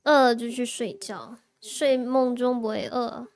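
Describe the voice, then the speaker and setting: A woman's voice: a little high, fairly even intonation, unhurried. A young woman streaming live, chatting casually with her viewers, reacting and laughing often while answering chat.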